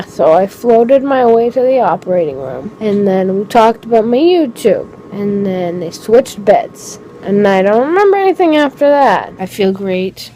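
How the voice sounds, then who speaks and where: A woman's voice: medium pitch, warm tone, slight background noise, rough recording. A young woman, groggy from anesthesia, chatting casually and rambling as a patient. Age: young adult.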